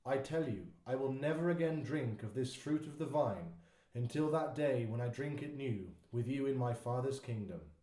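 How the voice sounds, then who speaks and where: A man voicing Jesus as a solemn grown teacher in a dramatised Bible reading, speaking with grave, measured weight. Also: mid-range voice, lively intonation, mellow, natural voice. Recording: echoey room.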